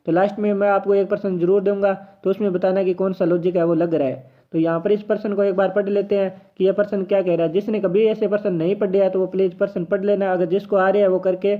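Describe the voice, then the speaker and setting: A man's voice: sits high, flat delivery, fast. A man teaching an exam reasoning question in a chatty, encouraging way, thinking aloud as he solves it. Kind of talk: casual tutorial lesson. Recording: tinny phone-like audio.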